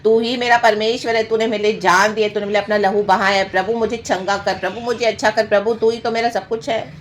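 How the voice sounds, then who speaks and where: Brief: a fawning, pleading worshipper, lifted high and sugary, as a woman preacher mimics her. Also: fairly even intonation, fast, slight background noise, natural voice. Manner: fawning, pleading, over-sweet. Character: gushing flattering adult worshipper pleading to God.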